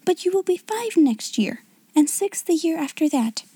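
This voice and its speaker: A woman reading a story, voicing a small motherly schoolgirl who speaks sternly and deliberately. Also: very high voice, big pitch swings, warm tone, no room sound, pitched above the performer's own voice. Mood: severe. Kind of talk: audiobook character reading.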